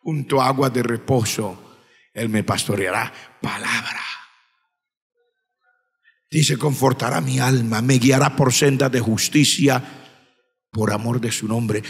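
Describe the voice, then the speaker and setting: A Colombian pastor preaching a Pentecostal sermon with a Colombian Spanish accent, moving from quiet scripture reading to shouted, fervent exhortation. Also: male voice, medium pitch, breathy edge. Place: church sanctuary. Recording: church hall with long reverb.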